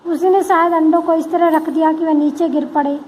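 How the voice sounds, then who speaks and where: A woman's voice: very high-pitched, fairly even intonation, fairly quick, darkish tone, a little hiss or hum, poor audio. A woman school teacher who reads a textbook story aloud and then retells each passage in simpler words. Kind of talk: reading and explaining a textbook story.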